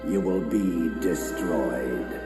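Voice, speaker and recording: Deep, drawling evil old Emperor. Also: male voice, exaggerated voice. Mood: cold gloating. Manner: drawn-out, gloating, threatening. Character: cruel old evil emperor, gloating sorcerer. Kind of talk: film villain acting. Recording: echoey chamber, loud film music.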